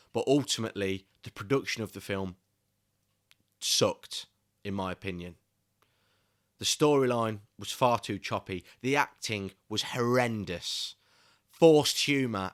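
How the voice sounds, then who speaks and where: A young man giving a casual solo film review, ranting with passionate frustration. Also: medium pitch. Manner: passionate, increasingly irate ranting.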